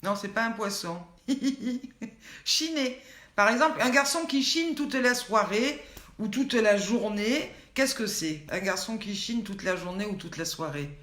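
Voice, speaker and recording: Older woman, live show host, bright voice, playful quizzing, echoey room. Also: mid-range voice, measured pace. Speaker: host of a daily online show. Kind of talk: live chat reading viewer comments.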